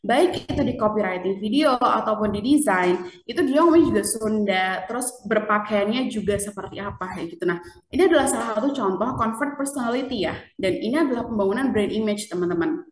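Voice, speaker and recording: A woman's voice: medium pitch, a little fast, roomy sound, distant mic, a little hiss or hum. A woman presenting a casual marketing lecture, chatty, often asking the audience questions.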